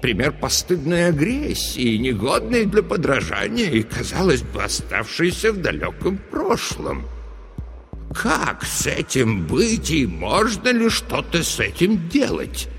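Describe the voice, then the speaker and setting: An actor playing a calm male official who speaks in a measured, reassuring way. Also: a little high, creaky, exaggerated voice. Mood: formal. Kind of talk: audiobook reading. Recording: reverberant with background music.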